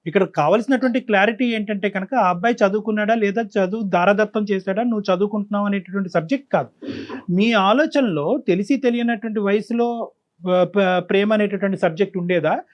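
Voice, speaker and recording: A man's voice: sits high, brisk, dull audio. A man hosting a counseling talk show, probing the guests with pointed questions. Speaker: counselor host.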